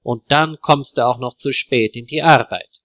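A man's voice: medium pitch, moderate pace, a bit bright, dry recording, clean studio sound, lightly acted. A man voicing an angry young wife in a spoken story, scolding her husband.

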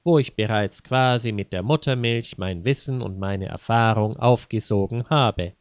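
A man's voice: fairly low pitch, normal speed, no echo, studio quality, lightly acted. A man voicing a self-important, easily offended male ghost hunter who speaks grandly. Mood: pompous. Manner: grandiose, indignant.

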